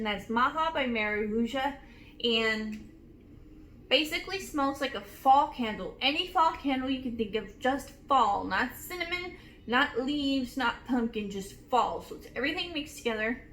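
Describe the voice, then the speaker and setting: A woman in her twenties casually reviewing perfumes, gushing and emotional with drawn-out emphasis. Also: on the high side, a bit bright. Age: 20s. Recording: echoey room with faint noise.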